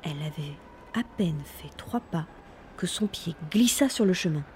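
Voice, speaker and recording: Mellow-voiced woman reading a storybook. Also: fairly low pitch, normal speed, slight background noise. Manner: lively, playful sound words. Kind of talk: storybook narration.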